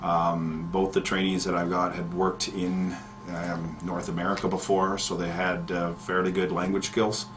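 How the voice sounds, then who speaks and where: A middle-aged man, a county economic development manager answering interview questions in a measured way, with many fillers and restarts. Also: low-pitched, little pitch movement, fairly bright tone, faint music behind.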